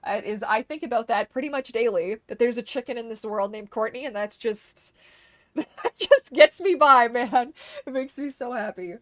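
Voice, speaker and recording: A woman's voice: a little high, moderate pace, no room sound. A young woman streamer chatting casually and emotionally with her viewers, swearing freely and laughing often. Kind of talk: casual live-stream chat.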